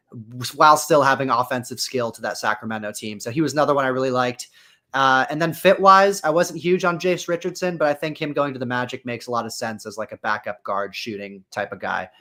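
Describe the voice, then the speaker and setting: A man's voice: mid-range voice, fairly bright tone. A man co-hosting a livestreamed podcast, giving rambling, opinionated draft analysis with lots of fillers, with traffic noise around him. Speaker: podcast co-host. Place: outdoors in city traffic.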